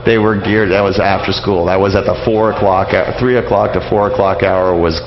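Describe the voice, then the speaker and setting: A man who loves old-time radio is the guest in a casual radio interview, explaining things in an informal, rambling way. His voice sits low with a steady tone, and he talks a little fast. The radio audio is dull and lo-fi, with crowd murmur behind him.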